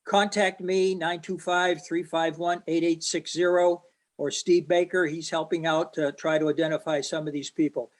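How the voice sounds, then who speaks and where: A man making an announcement at a club meeting, asking for volunteers, speaking haltingly with fillers and restarts. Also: a little high, level tone.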